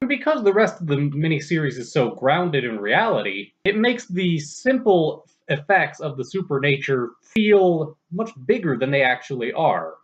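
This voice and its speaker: A man's voice: on the high side, very animated, normal speed, hardly any pauses. A man co-hosting a casual film review with dry, wry remarks, in a dull lo-fi recording.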